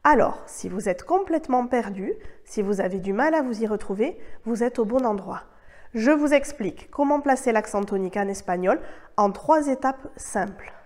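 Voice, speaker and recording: French-speaking woman teaching spanish online, clear and measured, a bit high-pitched. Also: animated, darkish tone. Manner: clear, measured explanations with modeled Spanish words. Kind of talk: scripted online lesson.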